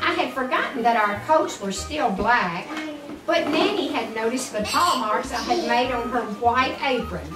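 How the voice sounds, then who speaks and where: An expressive, fairly high-pitched voice at a moderate pace belongs to a grandmother reading a story aloud to a small child. She stops now and then for short explanations. Music sits behind her, and the faraway mic makes the room audible.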